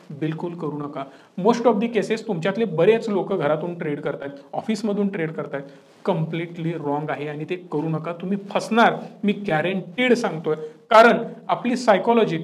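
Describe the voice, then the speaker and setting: A man giving an emphatic, lecturing talk on trading, addressing viewers directly and mixing in English terms. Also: high-pitched. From Maharashtra, India. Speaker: trading educator.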